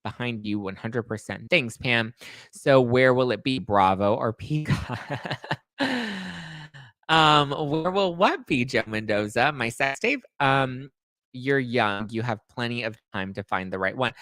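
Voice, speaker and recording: Hosting a casual live stream, a man in his late twenties reads out the chat and replies with candid, chatty answers. He speaks slowly in a mid-range voice with lively intonation and a fairly bright tone, with no echo on the sound.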